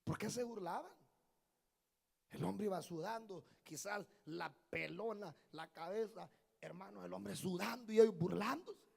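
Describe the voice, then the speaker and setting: A man, preaching a sermon in a church, breaking into loud shouted lines and acted quotes. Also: high voice, unhurried, creaky, slightly rough. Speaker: pastor. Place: church in Maryland.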